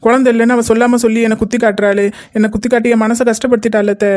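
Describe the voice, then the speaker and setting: A woman's voice: a little high, flat delivery, rapid-fire, a little mellow, close to an everyday voice. A woman voicing a tearful, wounded young wife in a cartoon. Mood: hurt. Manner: complaining through tears. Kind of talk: cartoon voice acting.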